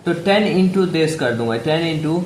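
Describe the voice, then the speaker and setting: A man's voice: fairly high pitch, lively intonation, slow pace. A man teaching a math lesson step by step. He talks patiently and keeps asking and answering his own questions. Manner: patient, repeats questions to the viewer, says "theek hai" often. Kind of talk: step-by-step classroom explanation. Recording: echoey room with faint background hiss.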